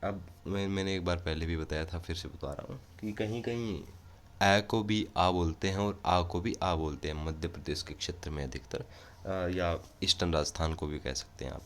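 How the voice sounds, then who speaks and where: A man giving a casual online grammar lesson, explaining patiently and pausing on filler sounds, recorded indoors near a railway line. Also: deep voice, a bit bright. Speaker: Hindi grammar teacher.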